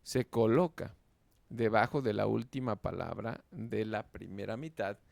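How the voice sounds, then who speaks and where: A man with a deep, heavily gravelly voice teaching a lesson. He explains at a very slow, deliberate pace and keeps checking in with his listeners. The sound is dry and close. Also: a little mellow, no room sound. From Mexico. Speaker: Hebrew teacher. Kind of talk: lecture.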